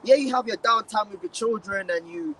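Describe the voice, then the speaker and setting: An emphatic London man lectures on a city street and reads scripture aloud. His voice is high and sits away from the microphone. Faint traffic murmurs behind him. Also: a little fast, a bit bright, far from the mic, rough recording. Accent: London English. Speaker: street preacher. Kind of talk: outdoor sermon, scripture reading.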